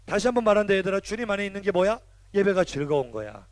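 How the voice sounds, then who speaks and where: High-voiced man preaching to teenagers. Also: very animated, fast talker, no echo. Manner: preaches with call-and-response, teasing and scolding. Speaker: youth pastor. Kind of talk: sermon to teenagers.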